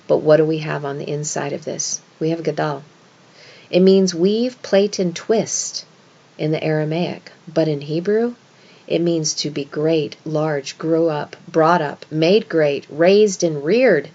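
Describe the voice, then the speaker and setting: A woman's voice: sits low, a little slow, warm tone, dull audio. A woman giving an esoteric scripture lesson as a religious teacher, explaining in an instructive way and stressing key words.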